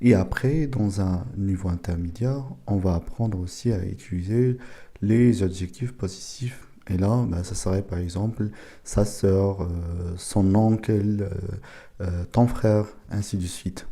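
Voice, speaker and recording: Slow, low-voiced man teaching words. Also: mellow. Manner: slow, repeats each word several times. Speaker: language teacher. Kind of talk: casual spoken lesson.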